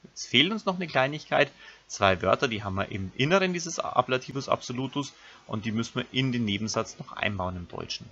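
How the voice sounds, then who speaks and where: Husky man teaching grammar. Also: medium pitch, animated, brisk, bright, forceful tone, dull audio. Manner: explains step by step, addressing pupils directly. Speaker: Latin teacher. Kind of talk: recorded grammar lesson.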